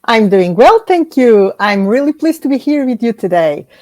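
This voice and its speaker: A woman from Portugal walks through her slides in a measured, orderly way. Her pitch moves a lot as she goes through each list. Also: sing-song, a little mellow. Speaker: guest scientist presenting. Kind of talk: prepared slide presentation.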